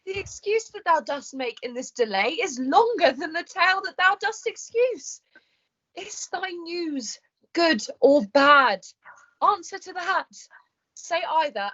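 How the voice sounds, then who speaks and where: A woman's voice: extremely high pitch, sharp tone, dull audio, exaggerated voice. A young woman playing an eager, impatient girl who presses for news in Shakespearean verse. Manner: pressing, rapid questioning. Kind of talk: Shakespearean stage acting.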